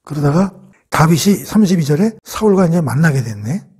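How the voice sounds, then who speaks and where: A man teaching a Bible lesson in a lively storytelling way. His voice sits fairly high and has a husky edge. He keeps asking his listeners questions and then answers them himself. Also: a little fast. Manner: lively storytelling, acting out quoted lines. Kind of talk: Bible study lecture.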